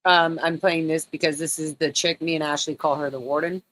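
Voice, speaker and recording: A woman's voice: deep voice, fairly even intonation, fairly quick, a bit bright, poor audio. A woman co-hosting over a video call, sharing clips and chatting in a blunt, casual way with some swearing. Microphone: computer mic on a video call.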